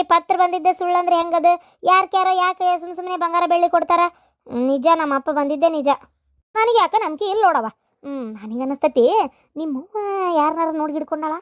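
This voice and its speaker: Cartoon: woman playing a sly, meddlesome middle-aged gossip with a North Karnataka accent, shrill and high. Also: no echo, studio quality, natural voice. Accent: North Karnataka Kannada. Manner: nagging, sly, defensive. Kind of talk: cartoon voice acting.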